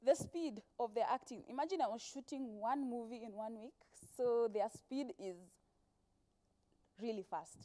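Seated on a sofa in a TV studio with a clip-on lapel mic, a twenties-aged actress with a Kenyan accent chats casually as a guest, recounting stories with quoted speech. Her voice is mellow, on the high side, and moves at a normal speed.

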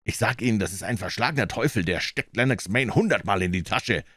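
A man's voice: lowish voice, animated, brisk, fairly bright tone, dry recording, clean studio sound. A man playing a coarse, blunt stable hand who speaks with contempt. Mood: scornful.

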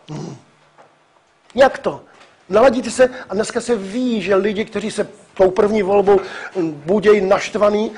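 A man in his sixties from the Czech Republic giving a public lecture, emphatic and animated, with frequent hesitations and restarts. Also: high-pitched, slight background noise. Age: 60s. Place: lecture hall.

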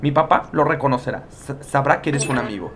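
A man with a Mexican accent giving playful, joking let's play commentary, talking straight to his viewers with sudden loud outbursts. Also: medium pitch, a little fast, crowd noise. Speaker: gamer.

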